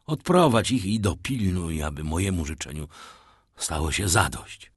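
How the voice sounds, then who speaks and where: A man voicing a gentle, sorrowful older shipowner who has lost everything. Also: sits low, big pitch swings, moderate pace, husky, dry recording, studio quality, heavily acted. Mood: sad. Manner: soft, warm, sorrowful.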